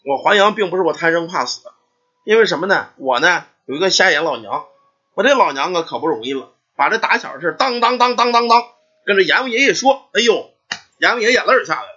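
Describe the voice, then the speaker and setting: Brief: grieving ghost son, put on by a male storyteller, lower and heavy, husky, dull lo-fi sound. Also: animated, quick pace, pushed and bright, full character voice. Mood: earnest. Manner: lowered, heavy, sorrowful delivery. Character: devoted young man's ghost, once mute, sorrowful. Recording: dull lo-fi recording.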